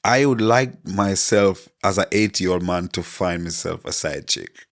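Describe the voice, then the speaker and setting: A man's voice: low voice, a little slow, vocal fry, voice pushed down. A man playing a blunt eighty-year-old husband in his normal speaking voice. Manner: blunt, plainly spoken.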